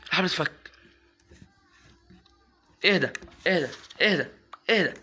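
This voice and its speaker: A young man with an Egyptian Arabic accent giving casual gameplay commentary, coaxing and scolding his in-game pet and breaking into excited yelps. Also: high voice, moderate pace, slightly rough, faint music behind. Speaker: gaming YouTuber.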